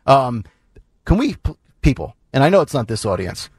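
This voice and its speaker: A man's voice: mid-range voice, very animated, moderate pace, husky, no echo. Chatty man hosting morning talk radio. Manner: chatty, rambling, self-interrupting. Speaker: radio show host. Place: radio studio.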